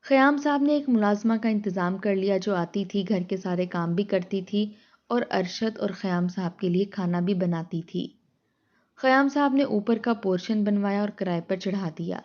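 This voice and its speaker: Woman reading a sad story, even tone, kinda muffled audio. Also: medium pitch. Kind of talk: scripted story narration.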